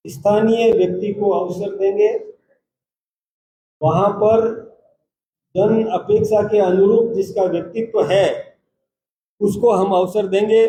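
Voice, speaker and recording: A man, a party state president, giving a formal, measured press conference statement and taking reporters' questions in turn. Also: high voice, mellow, slight background noise. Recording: roomy echoey hall.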